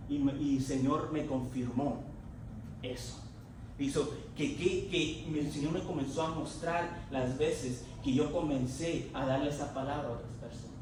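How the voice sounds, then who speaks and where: A man's voice: mid-range voice, measured pace, far from the mic, background noise. A married man preaching a sermon in a church, speaking with impassioned, emotional conviction as he tells his own testimony. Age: adult, married. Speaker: lay preacher. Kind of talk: Pentecostal-style sermon. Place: church sanctuary. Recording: very echoey church hall recorded from afar.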